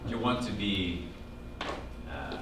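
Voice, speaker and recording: Drawing out his words in a lowish voice, a Norwegian-accented man in his fifties from Norway animatedly tells a personal story to a small audience. He quotes family conversations and gestures while he speaks. He's filmed by a distant camera with no visible mic in a classroom-sized meeting room with a projector screen, so the sound is echoey with a hum behind it.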